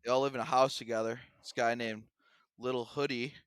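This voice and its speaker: A man's voice: medium pitch, little pitch movement, quick pace, a bit bright, clean tone, dry recording, clean studio sound. A young man co-hosting a podcast, chatting casually and animatedly, slipping into mocking rants. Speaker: podcast co-host. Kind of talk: casual chat.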